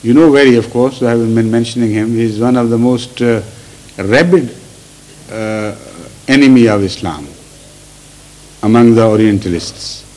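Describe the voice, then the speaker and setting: Middle-aged guy teaching scripture commentary, slow and careful, keeps restarting his phrases. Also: mid-range voice, a little mellow, rough recording. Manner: deliberate, with frequent restarts and repeated words. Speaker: religious teacher. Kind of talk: Quranic commentary lecture.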